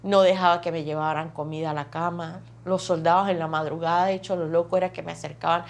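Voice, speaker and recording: A woman's voice: on the low side, fairly even intonation, fast talker. Woman telling her testimony. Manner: vivid, repetitive storytelling that piles up phrases. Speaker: testimony guest. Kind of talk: emotional personal testimony.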